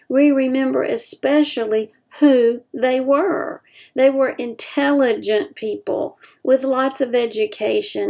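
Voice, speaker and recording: Earnest woman advising caregivers, gravelly. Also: fairly high pitch, a little mellow. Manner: earnest, slows down to stress key points; acts out example quotes in other voices. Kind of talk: advice talk to caregivers.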